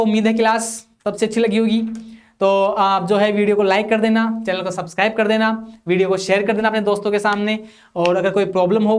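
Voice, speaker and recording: A man from India teaching a physics class for an exam. He asks questions and answers them himself, keeps checking whether it is clear, and reads definitions out slowly. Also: sits high. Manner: reads English definitions slowly, explains in Hindi. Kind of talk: classroom lecture for exam prep.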